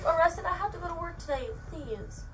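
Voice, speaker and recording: Tearful pleading young woman, high voice. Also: animated, brisk, a bit bright, soft background music. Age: young adult. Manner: pleading, tearful, repeats please. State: crying. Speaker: arrested shoplifter. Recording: real bodycam audio, store crowd behind.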